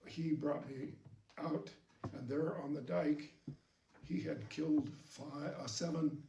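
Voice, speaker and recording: An older man, a war veteran, recalling his memories in a halting, reflective way during an interview. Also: on the high side, fairly even intonation, vocal fry, warm tone. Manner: old veteran remembering, halting and reflective, with long pauses. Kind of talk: recounting wartime memories in an interview. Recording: distant mic, roomy echo, background noise.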